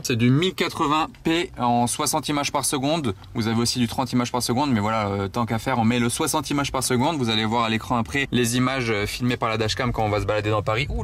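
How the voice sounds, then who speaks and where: A man's voice: mid-range voice, slight background noise. Male vlogger, casual and upbeat, talks straight to camera from the driver's seat, mid-range voice. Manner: chatty and upbeat, addresses viewers directly. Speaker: car-spotting vlogger. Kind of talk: casual vlog with product demo. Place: inside a car.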